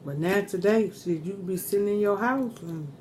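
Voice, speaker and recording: A woman's voice: medium pitch, moderate pace, darkish tone, slight background noise. A middle-aged woman chatting casually and giving earnest advice while eating crunchy fried chicken in a mukbang. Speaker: mukbang host.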